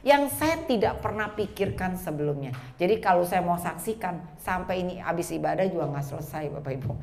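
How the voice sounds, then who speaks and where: A woman in her forties preaching a sermon with personal testimony in a lively way, speaking straight to the congregation. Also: mid-range voice. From Indonesia. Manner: lively, addresses the congregation directly. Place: church.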